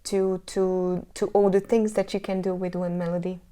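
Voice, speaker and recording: A Hungarian-accented woman, a singer, answers interview questions thoughtfully in casual conversation, often restarting sentences while searching for words. Her voice is fairly low and dark, level in tone, at a moderate pace.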